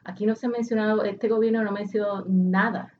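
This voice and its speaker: A woman with a Puerto Rican Spanish accent co-hosts a casual conversation, speaking fast in a steady, mid-range voice. She sounds thoughtful and often restarts her sentences. The audio is dull and distant, with faint noise.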